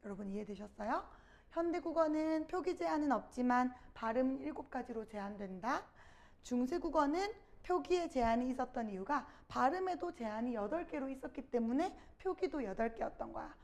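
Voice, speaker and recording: A woman's voice: sits high, lively intonation, fairly quick, a little mellow. A woman teacher giving a grammar lecture, talking straight to her students and asking and answering her own questions.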